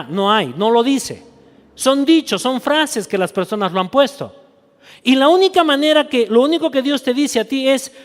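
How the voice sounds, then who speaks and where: A man preaching a sermon with passion, acting out quoted voices and restarting often. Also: very high-pitched. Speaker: pastor. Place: church. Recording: long reverb of a church hall.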